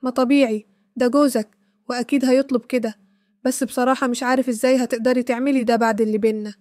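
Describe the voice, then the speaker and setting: A woman's voice: on the high side, steady tone, quick pace, darkish tone, dry recording, studio quality, close to an everyday voice. Jealous lover, read by a woman in Egyptian Arabic. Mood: angry. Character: jealous furious young male lover.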